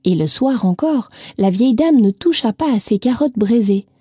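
Female children's storyteller; mellow, higher voice, gentle and lively, faint music under. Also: moderate pace, slightly rough, no room sound, clean studio sound. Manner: gentle, lively, speaks directly to a child listener.

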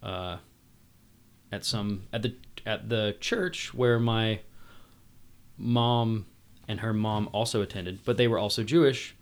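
A man grown up in England, talking casually and haltingly about his family, with many restarts. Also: fairly low pitch, steady tone. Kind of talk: casual conversation.

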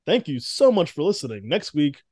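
Male podcast co-host, higher voice, animated casual delivery, dry studio sound. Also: fairly quick, no room sound. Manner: animated, laughing, mimics characters in quotes. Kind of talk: casual chat.

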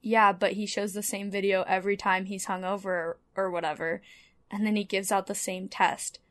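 A woman's voice: mid-range voice, flat delivery, normal speed, no echo, natural voice. A woman playing a cynical, slacker student in a radio comedy drama, casual and matter-of-fact. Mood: dismissive.

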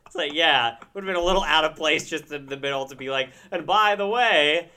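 A man's voice: fairly high pitch, fast talker, sharp tone. A man co-hosting a casual chat, enthusiastic and effusive, laughing often. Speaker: podcast co-host.

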